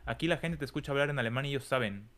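A man's voice: medium pitch, very fast, fairly bright tone. Guy on a podcast, chill talk, keeps talking to the audience. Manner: conversational, addresses listeners directly. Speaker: podcast co-host. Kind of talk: casual chat.

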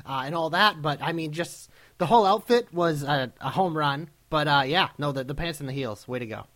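A man co-hosting a podcast in casual fan banter, excitable and a little showy. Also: a little high, brisk. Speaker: podcast co-host.

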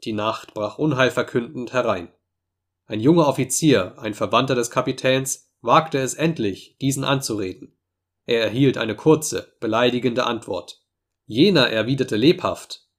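A man narrating a classic novel as an audiobook, in a steady, measured storytelling voice. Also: medium pitch. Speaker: audiobook reader. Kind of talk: scripted narration.

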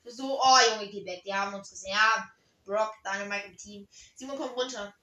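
A young woman chatting casually and excitedly while playing a game with a friend, full of quick exclamations. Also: medium pitch, reverberant. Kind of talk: casual gaming chat.

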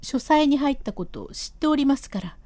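A stubborn, proud wife played by a woman reader in a raised, insistent voice. The tone is mellow rather than bright, and the reading is close and dry, a storybook performance of a classic comic tale. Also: high-pitched, animated, brisk, no room sound. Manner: insistent, rising and pleading.

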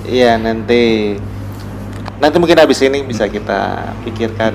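A writer with a Gorontalo Indonesian accent appears as a podcast guest in a casual conversational interview, explaining things reflectively and searching for his words. His voice is lowish, creaky and unhurried. The low-quality recording carries noticeable room noise and ambience.

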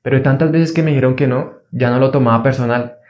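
In dull-sounding audio, a fast-talking motivational speaker with a steady tone gives an earnest self-help talk. He keeps repeating key phrases for emphasis and mimics a fearful inner voice in a higher register.

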